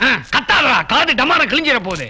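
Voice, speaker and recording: High, bright-voiced man in film comedy. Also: sing-song, fairly quick. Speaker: comedic suitor in film scene. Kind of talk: 1980s Tamil film comedy acting.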